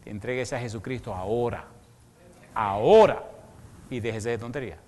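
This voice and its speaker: A man's voice: mid-range voice, quick pace, a little mellow, slight background noise. A man preaching as a pastor, telling a story dramatically and speaking bluntly. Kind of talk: evangelistic sermon. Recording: long hall reverb.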